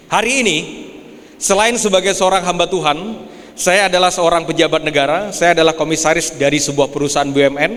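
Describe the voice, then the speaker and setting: A young male pastor with a high voice preaches a lively sermon. He drops to low, quiet asides and then rises to shouted climaxes. His voice rings through a hall with a long reverb. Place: church hall.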